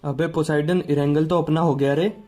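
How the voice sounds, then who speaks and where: A man's voice: fairly high pitch, steady tone, brisk, over loud music, lightly acted. A man voicing a scheming, boastful gang boss in a game roleplay.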